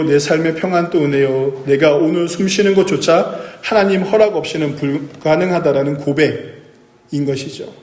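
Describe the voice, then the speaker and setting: A pastor preaching a sermon, asking the congregation questions and answering them himself. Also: male voice, fairly high pitch, a little mellow. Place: church sanctuary. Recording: echoey church hall.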